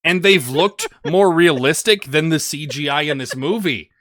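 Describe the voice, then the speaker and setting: A man co-hosting a podcast, ranting loudly and swearing in a heated casual review. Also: a little high, normal speed, no echo, studio quality. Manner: loud, ranting, swearing, exasperated. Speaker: podcast co-host.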